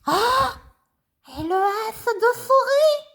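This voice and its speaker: Chirpy little mouse puppet played by a woman, high squeaky voice, bouncing all over, eager questions. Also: lively intonation, very slow, a bit bright, heavily acted. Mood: curious. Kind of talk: children's puppet show.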